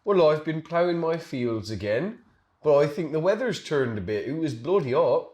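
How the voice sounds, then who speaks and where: A man playing a crude, rambling farmer who delivers his lines deadpan. His voice sits a little high, and the room gives it an echo. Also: moderate pace, close to an everyday voice.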